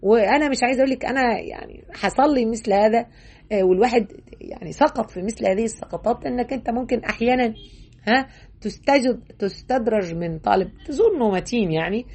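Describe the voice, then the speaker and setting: A woman's voice: a little high, darkish tone, husky. A middle-aged woman with an Egyptian accent giving a religious lesson, talking colloquially and emphatically, with frequent stammered restarts. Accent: Egyptian Arabic. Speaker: religious lecturer.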